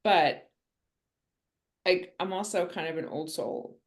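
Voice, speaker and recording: A woman's voice: lowish voice, takes it slowly, poor audio. A woman in her fifties, an author guest on a podcast, chatting casually with a self-mocking sense of humor and rambling asides. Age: 50s.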